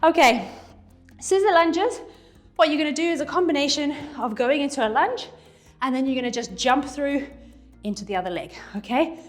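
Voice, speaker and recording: A woman leads a workout class and does the moves herself, so she sounds a little out of breath. Her voice sits high, and she counts the reps aloud as she coaches. Faint music plays behind her. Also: expressive, a little fast. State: slightly out of breath. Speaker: fitness instructor. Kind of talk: workout instruction.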